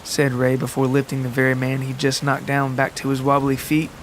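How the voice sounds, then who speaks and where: This man writes, narrates and hosts his own scripted storytelling podcast, speaking at medium pitch in a completely flat, slightly quick delivery. Guitar music and rain play behind him, with a little hiss or hum in the recording.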